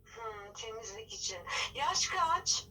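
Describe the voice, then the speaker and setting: A polite office employer, played by a woman, answers through a landline phone with a high, bright voice. She sounds formal and patient, pausing on fillers. The line comes across distant, with faint noise behind her. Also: sing-song, full character voice.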